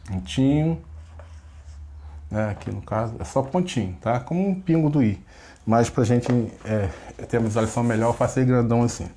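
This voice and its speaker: A man's voice: mid-range voice, moderate pace, dark tone, a little hiss or hum. A man teaching a class at a board, patiently checking in with the students after each step. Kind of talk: classroom lesson at a whiteboard.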